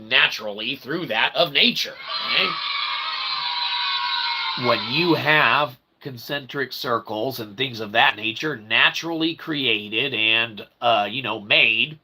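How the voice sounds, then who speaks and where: Speaking slowly at a medium pitch, this channel host rambles through a joking philosophical monologue straight to camera. His phrasing is convoluted and mock-formal, full of repetition and casual swearing, with noticeable background noise behind him.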